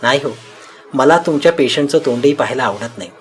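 A man's voice: mid-range voice, animated, a little fast, a little hiss or hum, natural voice. A man voicing a doctor's wife, a grown woman who is curious and reproachful, in a raised, scolding tone in a spoken story.

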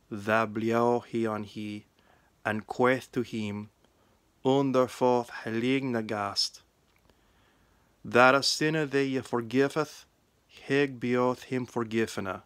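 A middle-aged man reads a Gospel passage aloud in Old English pronunciation. His delivery is very slow and deliberate, with a clean, resonant tone. The sound is dry and close, as if spoken to a phone in a small room. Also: mid-range voice, fairly bright tone, clean tone, no echo. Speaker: reader. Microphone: phone at arm's length.

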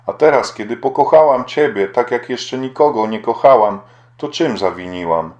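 A man's voice: medium pitch, animated, moderate pace, darkish tone, highs cut off, lightly acted. Guy reading a young woman begging and self-pitying, voice lifted a bit. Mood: pleading.

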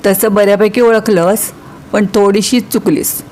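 A woman voicing a calm, evasive young married man who answers in a cool, matter-of-fact way. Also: medium pitch, a little slow, slight background noise, close to an everyday voice. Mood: teasing.

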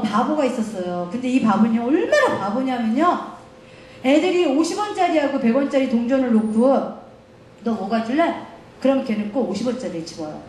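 Animated laughing woman lecturer. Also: high voice, slight background noise. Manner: animated storytelling, laughing often. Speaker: guest lecturer. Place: lecture hall. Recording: echoey lecture room.

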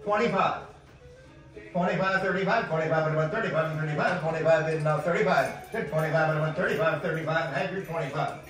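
A male auctioneer calls live bids in a rhythmic, repetitive chant of numbers inside the metal-walled corridor of a storage facility. His voice is on the high side at a normal pace, with music behind him. A camera several metres away captures echoey hallway sound.

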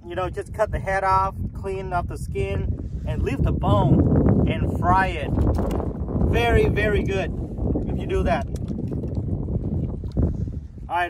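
A man's voice: high voice, fairly even intonation, slow, long pauses. A man in his thirties casually narrating a fishing trip from a canoe on a lake, chatty and repetitive, pointing things out as he works. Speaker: fishing vlogger. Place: canoe on an open lake, outdoors. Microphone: camera mounted on the canoe, a few feet away. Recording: windy outdoor lake noise. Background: wind and lapping water.

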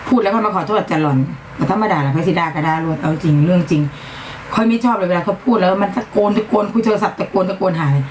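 A woman's voice: medium pitch, reverberant, a little hiss or hum, rough recording. Blunt chatty woman with an Isan accent. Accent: Isan Thai. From Northeast Thailand. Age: middle-aged. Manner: chatty, blunt, scolds and apologizes on air. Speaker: live-stream seller. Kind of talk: live-stream sales chat. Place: upper floor of a home.

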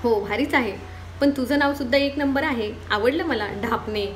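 A woman's voice: on the high side, fairly even intonation, moderate pace, a little hiss or hum, lightly acted. A woman voicing a good-humored young man who jokes along with the family. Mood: joking.

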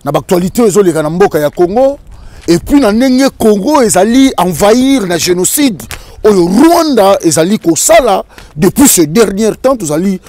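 A man in his thirties hosting a street interview outdoors with a handheld mic, presenting in a lively, announcer-like way. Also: high voice, moderate pace. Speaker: interview host. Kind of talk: energetic show presenting in French and Lingala. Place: outdoors by a river in a park. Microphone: handheld microphone.

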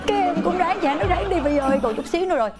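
A young woman guest telling a lively birthing story in casual chat, laughing often and acting out quotes. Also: very high-pitched, racing, over music, crowd noise.

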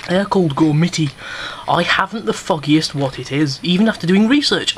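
A man's voice: a little high, fairly bright tone, slight background noise. A man giving rambling, cheeky unboxing commentary on camera, a bit out of breath. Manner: rambling, chatty, cheeky and self-mocking. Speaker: YouTuber. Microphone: camera mic.

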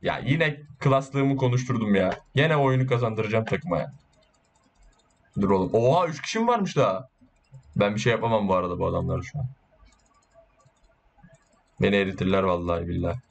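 A man giving casual, excitable gameplay commentary, boasting and swearing while urging his teammates on. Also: on the low side, a little fast, gravelly, long pauses. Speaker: gaming YouTuber.

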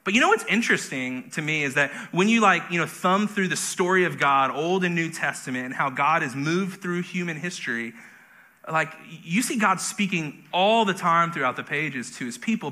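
A man's voice: fairly high pitch, lively intonation, normal speed, bright, forceful tone. A man preaching a conversational sermon as pastor, with self-deprecating humor.

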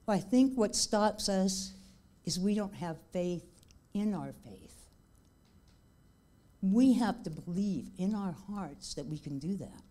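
Mellow-voiced older woman giving testimony. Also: mid-range voice, expressive. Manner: heartfelt, slow when emphatic. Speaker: church member giving testimony. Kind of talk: church testimony. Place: church.

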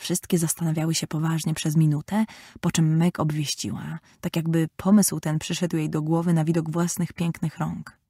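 A woman narrating a classic novel in a measured, expressive storytelling manner. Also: low-pitched, slightly rough, no room sound, studio quality. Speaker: audiobook narrator. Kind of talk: scripted narration.

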